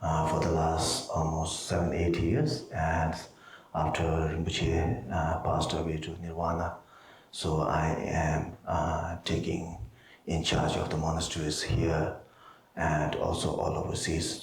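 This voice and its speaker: In a spacious monastery hall with slight background noise, the head of the monastery, a Buddhist teacher, offers remarks ahead of a teaching. His male voice is deep and flat, his native language is Tibetan, and his speech is halting, full of pauses and fillers.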